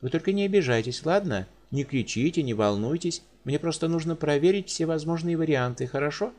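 A man voicing a pompous, fussy middle-aged male doctor with a high, hedging way of talking. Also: animated, brisk, a little mellow, close to an everyday voice.

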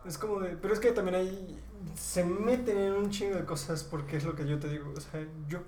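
A man's voice: high voice, brisk, darkish tone. A man co-hosting a podcast, chatting in a laid-back, slangy way. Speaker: podcast co-host. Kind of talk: casual chat. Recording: roomy echo.

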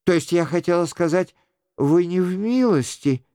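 A man reading the part of a young noble countess who asks quick, worried questions in a storybook reading. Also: lowish voice, animated, mellow, no echo, clean studio sound, close to an everyday voice. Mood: curious.

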